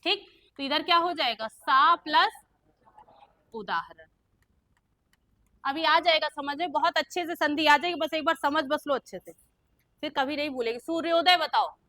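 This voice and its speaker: A woman's voice: high voice, pushed and bright, dry recording. A young woman teaching a grammar lesson, who keeps quizzing her students with questions and then answers them herself. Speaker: Hindi teacher.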